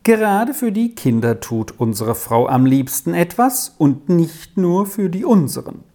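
A reader voicing a composed farmer's wife who speaks calmly and unhurriedly. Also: mid-range voice, pitched above the performer's own voice. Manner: calm and unhurried.

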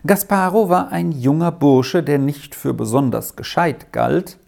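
Expressive storybook narrator, gravelly. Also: mid-range voice, a little slow. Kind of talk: audiobook reading.

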